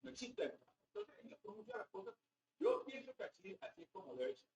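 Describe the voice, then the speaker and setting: A man's voice: very high-pitched, huge pitch swings, a little fast, vocal fry. A Venezuelan man, a professor, giving a classroom lecture in a chatty way with rhetorical asides to his listeners. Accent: Venezuelan Spanish. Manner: conversational, rhetorical asides to the audience. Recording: roomy hall, mic at a distance, faint background noise.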